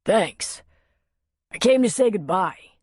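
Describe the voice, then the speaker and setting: A woman's voice: mid-range voice, expressive, slow pace, darkish tone, husky, dry recording, studio quality. A woman reading a clipped, plainspoken man. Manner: casual, clipped, matter-of-fact.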